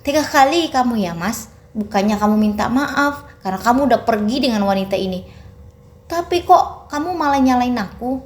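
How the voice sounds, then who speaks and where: A woman's voice: a little high, expressive, moderate pace, echoey room, close to an everyday voice. A woman doing a furious accusing wife. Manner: accusing, shouting. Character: frightened, furious young wife.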